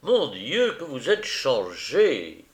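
A man reading aloud as an impatient, agitated middle-aged gentleman. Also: mid-range voice, wildly swooping pitch, slow pace, exaggerated voice. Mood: exasperated.

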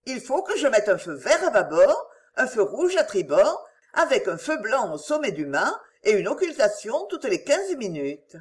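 A woman voicing a calm, earnest young woman, the eldest daughter, speaking matter-of-factly in a storybook reading. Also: a little high, moderate pace, few pauses. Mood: enthusiastic.

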